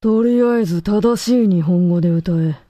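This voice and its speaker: A stern co-host lays down verdicts in short, clipped sentences. The voice is very dark and mellow, recorded dry and close. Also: medium pitch, normal speed, no echo. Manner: stern, lecturing, clipped declaratives. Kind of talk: terse authoritative pronouncements.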